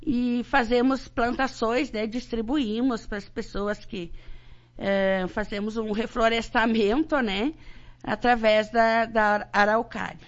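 Hesitant southern Brazilian woman, slightly high voice. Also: fairly even intonation, slow. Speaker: school director, interview guest. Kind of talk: informal radio interview answers. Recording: dull lo-fi radio broadcast.

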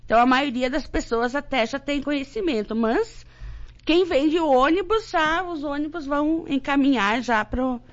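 A woman's voice: high voice, animated, normal speed. A woman with a southern Brazilian accent giving informal, hesitant answers as a guest in a radio interview. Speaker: school director, interview guest. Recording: dull lo-fi radio broadcast.

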